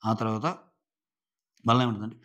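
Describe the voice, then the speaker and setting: A man's voice: fairly low pitch, steady tone, moderate pace, a bit bright, muffled recording. A man reviewing a reality show in casual commentary, retelling conversations in paraphrase with many filler sounds.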